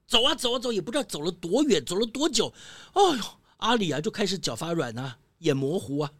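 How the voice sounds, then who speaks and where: A woman narrating a children's story in a lively voice, full of exclamations. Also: medium pitch, a little fast.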